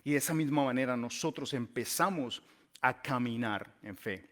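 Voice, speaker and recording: A male pastor delivers a sermon in a storytelling style. He stresses key words by stretching them out, and his phrase endings fall away softly. His pitch sits at an ordinary middle level for a man. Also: moderate pace.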